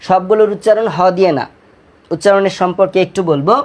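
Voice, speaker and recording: A man with a Bengali accent teaching an English lesson to students in an online class. He repeats words slowly and drills their pronunciation. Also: high voice, a little mellow.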